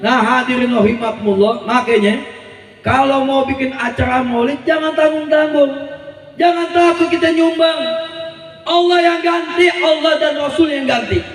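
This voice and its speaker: A man's voice: very high voice, fairly even intonation, moderate pace, faint music behind. A man preaching a sermon, telling a story and drawing answers back from the gathering. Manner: call-and-response with the crowd, storytelling. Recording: echoey hall, voice from far off.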